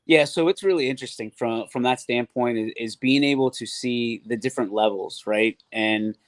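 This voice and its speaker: A man joining a sports radio show as a guest, talking casually with animated, rambling storytelling. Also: mid-range voice, moderate pace, dry recording.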